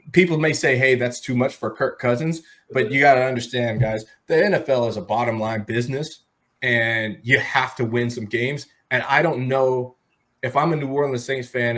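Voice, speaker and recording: A sports podcast host with a medium-pitched, somewhat bright voice talks straight to his listeners. He delivers his commentary in a casual, conversational way.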